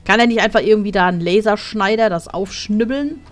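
A woman's voice: medium pitch, fairly quick. A woman giving casual, sardonic let's play commentary on a video game. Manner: sardonic, wry. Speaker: let's player. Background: game music.

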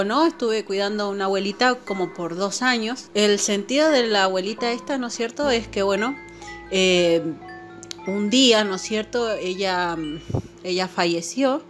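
A woman casually telling a personal paranormal story to her viewers, chatty and full of fillers and little "right?" tags. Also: mid-range voice. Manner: chatty, filler-heavy, keeps asking "¿no?". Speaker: channel host.

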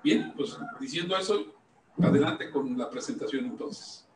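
A man's voice: mid-range voice, wildly swooping pitch, a little slow. Older man, echoey distant mic. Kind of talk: informal explanatory talk. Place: indoor room on video call. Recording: echoey, distant, noisy video call.

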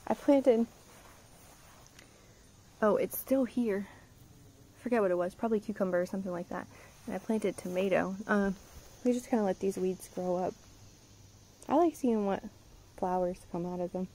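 A woman's voice: mid-range voice, moderate pace, pauses often, dark tone, poor audio. A woman giving a casual, rambling tour of her garden outdoors, filming on a handheld phone. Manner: chatty, rambling, with frequent ums. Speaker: gardening vlogger. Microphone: handheld phone camera.

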